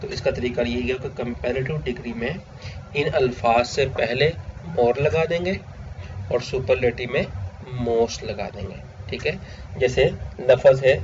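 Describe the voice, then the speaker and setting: A man's voice: mid-range voice, a little mellow. A male teacher, giving a classroom grammar lecture over slides, explaining step by step and repeating key terms. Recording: slightly dull audio with faint background hiss.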